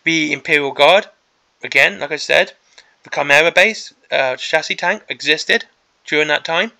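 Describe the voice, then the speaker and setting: Man, slightly high pitch, bright forceful tone, voice giving out, rambling hobby rant, emphatic, repetitive. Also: moderate pace, gravelly. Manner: rambling, emphatic, repeats himself. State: voice starting to give out. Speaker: hobby video host. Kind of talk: unscripted opinion rant.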